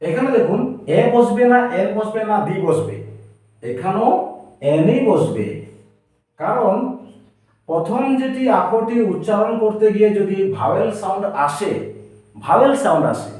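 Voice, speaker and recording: A man's voice: high voice, sing-song, a little slow, pauses often, a little mellow. A man with an Assamese accent teaching a grammar lesson, explaining step by step and often checking with the class through questions. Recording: echoey room, voice from far off.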